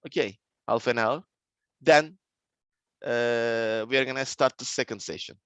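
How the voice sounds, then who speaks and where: Male university lecturer, Turkish accent, mid-pitched, unhurried and halting, restates key terms for students. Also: a bit bright, smooth, no room sound. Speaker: civil engineering lecturer.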